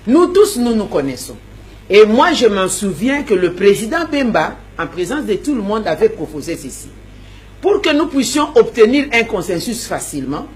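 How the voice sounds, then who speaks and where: With a medium-pitched voice carrying a breathy edge, this Congolese woman, an opposition politician from the Democratic Republic of the Congo, responds to interview questions with emphasis. She repeats herself and stammers while hunting for the right words.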